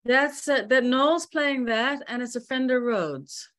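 A woman's voice: high-pitched, fairly bright tone. Candid older woman on a video call. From Newfoundland, Canada. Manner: candid, halting, many restarts and fillers. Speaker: musician guest. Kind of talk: casual interview over video call. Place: bright home room by a window. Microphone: video call laptop mic.

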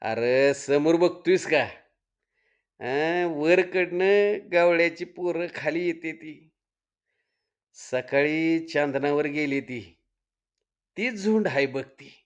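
A man's voice: fairly high pitch, slow, long pauses, clear, resonant tone, dull audio. A storyteller reading aloud, voicing a cocky young village man who grumbles in rural dialect. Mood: eager. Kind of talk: dramatic Marathi story reading.

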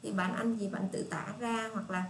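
A woman with a Southern Vietnamese accent teaching children English, patient and repetitive, reading English phrases out slowly. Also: medium pitch, steady tone. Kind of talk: casual spoken lesson for children. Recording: echoey room with faint hiss.

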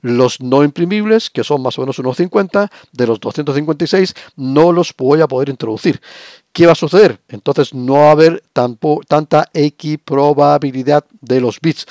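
A man's voice: a little high, normal speed, darkish tone, dry recording, studio quality. Man teaching over screen share. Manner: explanatory, frequent rhetorical checks. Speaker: lecturer. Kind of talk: recorded screen-share lesson.

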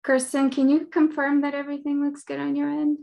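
A woman's voice: sits high, monotone, brisk, vocal fry, dark tone. A young woman from Ukraine, giving an earnest, friendly webinar presentation over a video call. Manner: friendly, earnest, with frequent ums.

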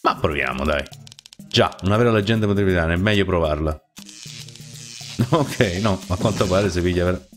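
A man's voice: low voice, animated, a little fast, long pauses, faint music behind. Sarcastic man doing game commentary. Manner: sarcastic, joking. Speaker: let's play host. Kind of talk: gameplay commentary reading all the lines.

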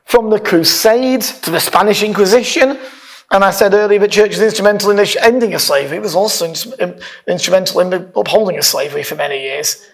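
This man is a pastor speaking from a stage lectern in a church hall, giving an informal sermon that is partly read aloud and full of emphatic stresses. He talks briskly in a high voice.

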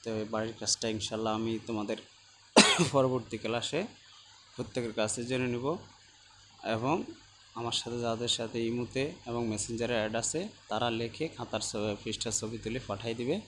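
A man teaching children in a recorded lesson, repeating each word many times in a slow, patient drill. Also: mid-range voice, level tone, fairly bright tone, slight background noise. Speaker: Arabic teacher.

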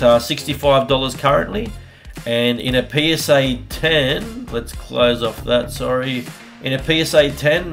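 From a home room lit with colored lights, a YouTuber opens trading card packs in a casual vlog, speaking into a studio mic on a desk arm. His medium-pitched, fairly bright voice is a bit husky from a recent bug, but he stays upbeat, chatty, and builds hype.

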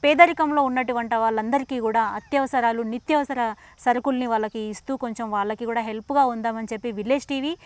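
A woman who gently coaxes answers with short questions, then earnestly pleads with viewers to support the channel. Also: on the high side, quick pace, smooth, no echo. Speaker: interviewer and channel presenter. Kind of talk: casual interview then appeal to viewers.

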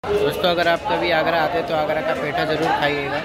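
A man's voice: fairly high pitch, little pitch movement, fairly quick, over a noisy crowd. A young man chatting to his viewers as he films a train journey on his phone, addressing them as friends. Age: young adult. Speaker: railfan vlogger. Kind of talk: casual travel vlog narration. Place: moving train and station platforms, at night. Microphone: phone held close or at arm's length. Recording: loud train noise behind. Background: loud train and station noise.

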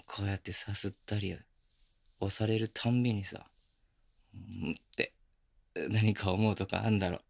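A man playing a teasing, affectionate young boyfriend in intimate ASMR role-play, murmuring softly and very close to the microphone. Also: on the low side, level tone, moderate pace, long pauses, dry recording. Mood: playful teasing. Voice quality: breathy, gravelly. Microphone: very close binaural microphone, dry.

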